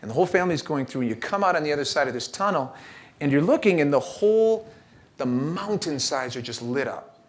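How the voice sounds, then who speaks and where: A middle-aged man giving a relaxed, humorous keynote talk at a church event, telling stories with frequent fillers. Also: fairly high pitch, a little fast. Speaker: keynote speaker. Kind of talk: conversational keynote talk with storytelling.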